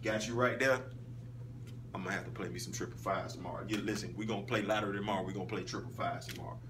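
With fairly even intonation and a quick pace, a man in his thirties delivers an emphatic flag football league recap, shifting from loud call-outs to low asides. The casual monologue is shot on a phone camera held at arm's length in a small room in front of a wall poster, so it sounds a little distant with a faint hum.

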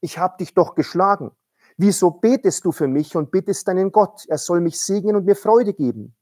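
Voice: mid-range voice, expressive, normal speed, mellow, dry recording, clean studio sound, close to an everyday voice. A preacher reading out the questioning, pleading words of an older mother-in-law from a story. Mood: bewildered.

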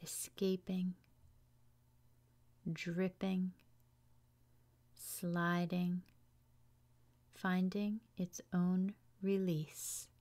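A woman leading a guided relaxation meditation in a soft, hushed, soothing voice, leaving long pauses between phrases. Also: on the low side, monotone. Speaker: yoga teacher guiding meditation.

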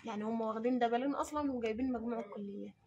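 A woman's voice: a little high, racing, gravelly, darkish tone, lo-fi sound. A woman with an Egyptian Arabic accent, a tuk-tuk mechanic answering interview questions earnestly and plainly, repeating herself for emphasis. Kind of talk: casual street interview.

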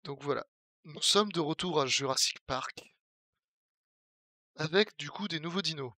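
A man's voice: fairly high pitch, a little slow, bright, forceful tone, dry recording, studio quality. A young man from the Paris region with a Parisian French accent, talking casually as a Twitch streamer while playing a game, joking and answering his chat. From Paris region, France.

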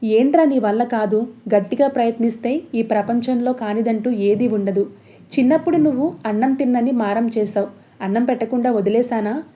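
Commanding middle-aged mother, insistent, mellow tone, a woman reading her lines. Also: on the high side, brisk, lightly acted. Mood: firm.

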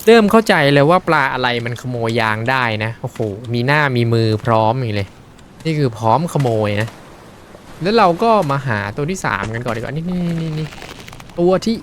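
A man streaming a horror fishing game, chatting and reacting excitedly as he plays. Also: medium pitch, fairly quick, a little hiss or hum. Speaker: gaming streamer. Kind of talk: live game commentary.

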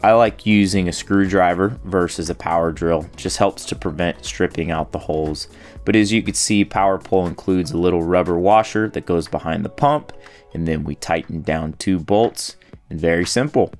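A man in his thirties giving a steady, step-by-step voice-over on a boat installation. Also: low voice, moderate pace. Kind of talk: voice-over how-to narration. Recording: faint music underneath.

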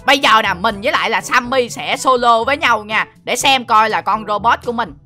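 A woman hosting a game video. Her voice is bright and sits a little high. She boasts playfully and tosses in sound effects while she plays, with faint music behind her. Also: brisk. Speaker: gaming channel host.

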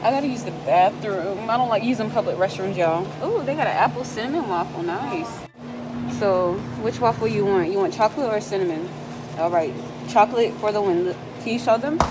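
A woman's voice: mid-range voice, animated, a little fast, music in the background, poor audio. A woman hosting a casual shopping vlog, chatting and teasing while talking straight to her viewers. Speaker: vlog host, mother.

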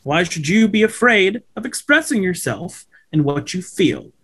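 At a script table read on a video call from home, a man in his thirties plays a slick, upbeat corporate rep lecturing schoolboys, sounding earnest and persuasive. His high, husky, a bit bright voice has lively intonation, a measured pace and a heavily acted quality.

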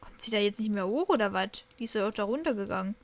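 A young woman casually commenting while she plays a life-simulation game, chatty and cooing excitedly over new kittens. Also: mid-range voice, fast. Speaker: Sims let's play host.

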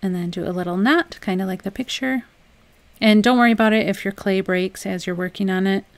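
Woman, young adult, craft vlogger, casual voice-over, chatty, relaxed, conversational fillers. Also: mid-range voice, a little fast, dry recording. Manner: chatty, relaxed, frequent "um" and light laughs. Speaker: DIY crafts channel host.

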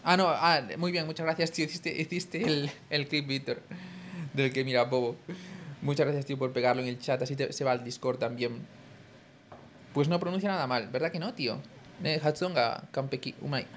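A man's voice: medium pitch, steady tone, a little fast, a bit bright, slight background noise. A young man from Spain with a Spanish accent, chatting casually with his viewers on a live stream. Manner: chatty, addresses chat as tío.

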